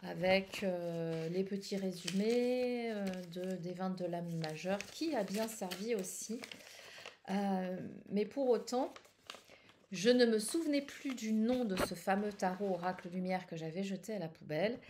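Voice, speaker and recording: A woman's voice: medium pitch, measured pace, noisy background. A middle-aged woman talking casually about her tarot decks, hesitant, with many fillers and restarts. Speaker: tarot channel host. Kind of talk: casual personal chat.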